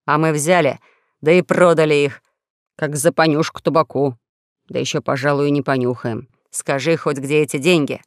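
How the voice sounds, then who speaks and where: A woman's voice: low voice, fairly even intonation, moderate pace, no echo, clean studio sound, voice pushed down. A woman voicing a sly male con man who poses as a duke, talking in a mocking, sardonic way.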